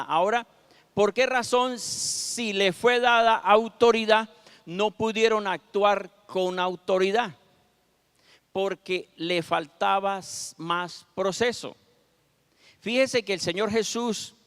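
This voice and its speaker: Male preacher, sermon teaching with scripture readings, clear resonant tone, long hall reverb. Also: sits high, a bit bright. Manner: asks rhetorical questions, punctuates with "ajá".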